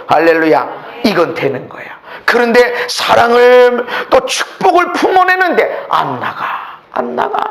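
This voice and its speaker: A male pastor preaching a sermon, swinging between loud emphatic preaching and hushed near-whispers, acting out conversations. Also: fairly high pitch, vocal fry. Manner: acts out quoted conversations in his talk.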